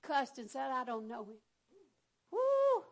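A woman preaching an energetic sermon, calling out to the congregation and acting out the Bible figures in a folksy way. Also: high voice, moderate pace.

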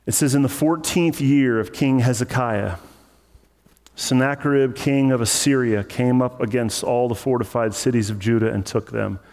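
A man's voice: lowish voice, vocal fry, a little mellow. A man preaching a sermon as pastor, teaching through scripture in a casual, conversational way with joking asides. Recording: long reverb of a large hall.

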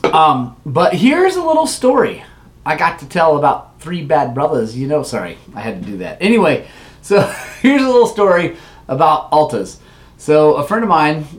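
A man hosting a casual livestream who rambles through a story, laughs often and reads viewer comments aloud. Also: medium pitch. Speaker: livestream host.

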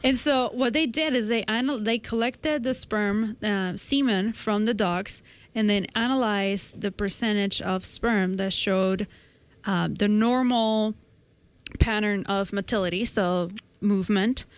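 A woman's voice: medium pitch, unhurried, clear, resonant tone. A woman in her twenties, a podcast co-host, walking her co-hosts through a science study step by step in casual conversation. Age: 20s.

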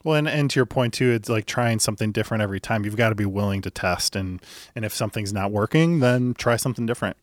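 A man's voice: lowish voice, fast talker, dry recording, clean studio sound. A man hosting an interview podcast, chatting casually and asking friendly follow-up questions. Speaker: podcast host.

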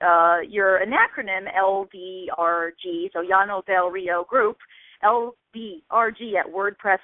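Female radio interviewer, mid pitch, halting, effusive, narrow-band audio. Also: steady tone, no echo. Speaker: radio show host. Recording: dry, muffled narrow radio sound.

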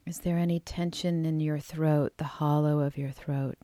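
Female meditation guide, low voice, very unhurried, soft and soothing with near-whispered endings, close dry sound. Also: steady tone, no echo. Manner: unhurried, with drawn-out phrases and pauses. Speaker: yoga and relaxation teacher.

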